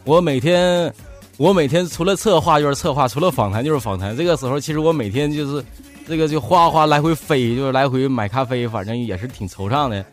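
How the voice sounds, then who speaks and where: A man's voice: mid-range voice, fairly quick, faint music behind. A man from Northeast China with a Northeastern accent, hosting a radio interview in a playful, teasing, casual way and often repeating his phrases. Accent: Northeastern Chinese. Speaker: online radio talk-show host.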